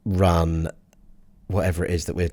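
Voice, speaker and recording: A man's voice: low-pitched, flat delivery, moderate pace, a little mellow. A British man hosting a podcast in casual comic banter, rambling and hesitant, with dry teasing. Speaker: podcast host.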